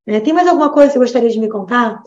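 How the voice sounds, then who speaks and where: A woman's voice: on the high side, animated, very fast, darkish tone, lo-fi sound. A Brazilian woman who is a nutritionist, giving a casual online lecture to health professionals and checking in often with her listeners. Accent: Brazilian Portuguese. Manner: chatty, frequent "né?" and "tá?" tags, acts out patient dialogues.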